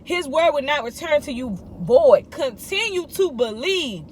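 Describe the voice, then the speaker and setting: A woman's voice: high voice, expressive, unhurried, a little mellow, slight background noise. A woman in her thirties giving a casual morning devotional, emphatic and repetitive as she urges listeners to keep believing. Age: 30s. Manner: emphatic, repetitive exhortation in informal speech. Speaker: vlogger giving morning encouragement.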